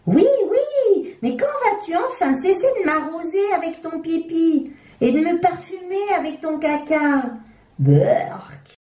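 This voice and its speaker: A woman's voice: animated, a little slow, warm tone, echoey room. Woman voicing a whiny talking diaper. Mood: grumbling. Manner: high, whiny and complaining. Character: talking diaper, grumpy, complaining.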